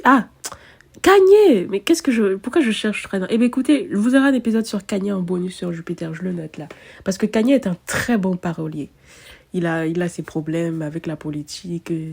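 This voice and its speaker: A woman's voice: lowish voice, gravelly, warm tone, husky. A woman, an astrologer chatting casually and self-mockingly, thinking aloud with many fillers. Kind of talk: casual chat to camera.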